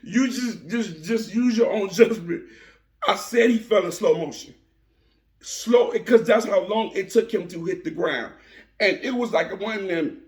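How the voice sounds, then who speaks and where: A man casually telling a vacation story in an animated way, often repeating himself. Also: high voice, unhurried, echoey room. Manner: animated, laughing through his words, repeats himself.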